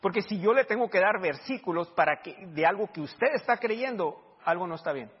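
A man preaching as a pastor, telling stories and acting out the dialogue loudly. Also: high-pitched, a little fast, husky. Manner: animated, acts out dialogue loudly. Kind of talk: sermon with storytelling. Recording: dull reverberant hall recording.

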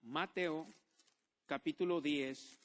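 A male pastor, preaching a sermon with lively call-and-response to the congregation. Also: fairly high pitch, slow pace.

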